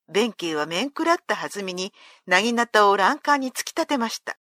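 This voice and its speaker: A woman storyteller reading an old folk tale aloud, clear and expressive. Her voice sits a little high and moves lively up and down as she tells the action. The sound is dry and close to the mic. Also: no room sound.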